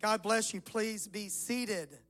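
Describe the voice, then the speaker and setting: A man with a Southern US accent preaching a sermon as a pastor, his voice rough, hoarse and hollow as if inside a barrel, phrasing deliberately. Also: high voice, fairly bright tone, faint music behind. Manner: deliberate phrasing with scripture recitation.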